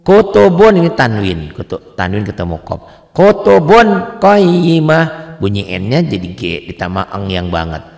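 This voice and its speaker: A man teaching the rules of Quran recitation in a casual lesson, asking and answering his own questions and stretching out example words in a slow chant. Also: low voice, gravelly, long reverb tail. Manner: drops into slow drawn-out chanting on example words, quizzes himself aloud.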